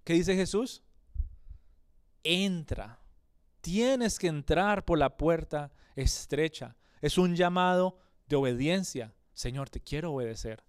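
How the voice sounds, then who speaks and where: Impassioned male pastor, smooth raised voice. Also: fairly high pitch, lively intonation, takes it slowly, no room sound, studio quality. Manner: impassioned, rhetorical questions, swings from soft to loud. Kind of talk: sermon. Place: church.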